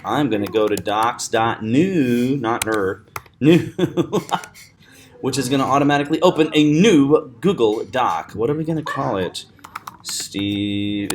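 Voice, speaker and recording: A man teaching acting script marking in a chatty, animated screen-recorded tutorial, laughing often. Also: medium pitch, slight background noise.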